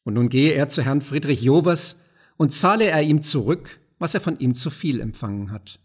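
A man's voice: a little high, expressive, moderate pace, breathy edge. A man playing a shrewd, formal merchant senator. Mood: self-assured. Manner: formal, old-fashioned address. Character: shrewd, self-satisfied old-style merchant senator.

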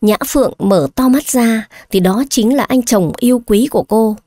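A woman narrating a scripted audio story with an expressive storytelling read on a close mic. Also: fairly high pitch, moderate pace, dry recording.

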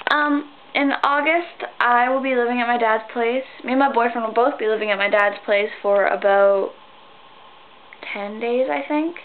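A sixteen-year-old girl vlogging at night in her bedroom, rambling and tired, with sudden squeals of excitement. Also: a little high, measured pace. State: tired, sleepy. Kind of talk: rambling casual vlog. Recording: tinny phone-like sound, faint hiss.

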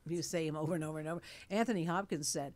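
A woman talks very fast in a low-pitched, darkish voice. She's an actress in her late sixties, chatting animatedly with many fillers as a guest in a casual interview at a stand-mounted studio mic, surrounded by dark curtains and blue lights.

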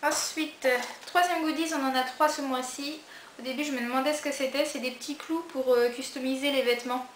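A woman's voice: high-pitched, fairly even intonation, brisk. A woman chatting casually as she unboxes a monthly beauty box for her viewers, with many hesitations. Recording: echoey room with faint hiss.

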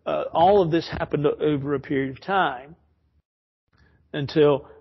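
A man's voice: a little high, a little slow, creaky, breathy edge, dull audio. A man teaching an informal Bible study in a church, rambling and correcting himself as he explains. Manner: rambling, self-correcting, chuckles often. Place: church classroom.

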